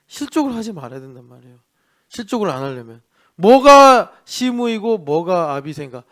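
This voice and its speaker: Male pastor, middle-aged, lively sermon delivery, voices for characters, higher-pitched. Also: normal speed. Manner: animated preaching, mimics the devil and sulking people. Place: church worship service.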